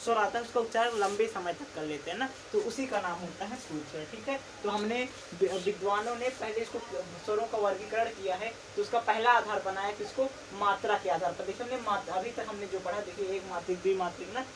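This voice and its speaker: A woman's voice: medium pitch, a little fast. A woman teaching a lesson who keeps asking a question and then answering it herself, repeating each key term. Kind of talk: recorded classroom lesson. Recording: distant mic with faint background noise.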